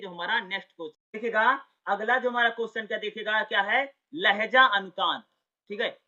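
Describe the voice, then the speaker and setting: A man's voice: high-pitched, sharp tone. A man giving an informal exam-prep lecture, chatty and full of rhetorical questions and repeated check-ins. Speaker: teacher. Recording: dull lo-fi audio.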